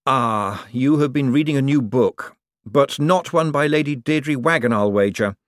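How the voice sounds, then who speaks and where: A man voicing a glib young con man who talks wryly and hedges his words, a bit higher than his usual voice. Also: measured pace, no echo, clean studio sound, natural voice. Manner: hesitant, wry and evasive.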